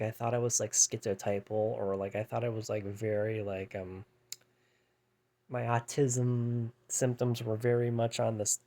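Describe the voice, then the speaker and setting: A man's voice: mid-range voice, darkish tone. A man in his thirties talking to camera in a rambling, hesitant way, full of fillers and restarts. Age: 30s. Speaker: vlogger. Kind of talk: casual rambling monologue.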